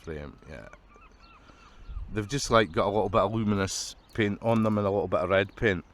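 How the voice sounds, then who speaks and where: A man from Scotland, lowish-voiced and speaking at normal speed, chats casually to camera in a fishing vlog, peppering it with swearing and ums. A blocked nose leaves him sounding stuffy and nasal.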